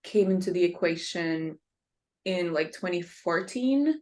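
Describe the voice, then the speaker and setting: A woman's voice: on the low side, animated, unhurried, darkish tone. Guest, young woman, slight Finnish accent, upbeat, laughs a lot, peppers in likes. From Finland. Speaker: guest athlete. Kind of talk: casual interview.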